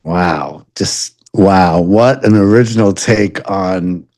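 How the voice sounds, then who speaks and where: Middle-aged man, Long Island New York accent, lowish voice, rambling casual podcast chat, repeats words, laughs often. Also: slow pace, a little mellow. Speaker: podcast co-host, father.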